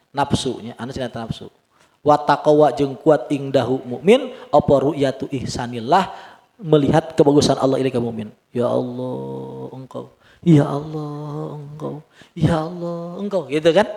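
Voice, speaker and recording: A middle-aged man with a Sundanese accent leading an informal Islamic study lecture, reading Arabic and explaining it in a lively, joking way. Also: medium pitch.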